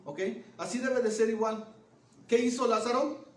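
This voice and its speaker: A male preacher with a high voice delivers a sermon, often asking the congregation questions and checking they follow along. He swings between loud, emphatic phrases and hushed, low ones. He is picked up from a distance in an echoey church room with faint noise behind him. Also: moderate pace. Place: church hall.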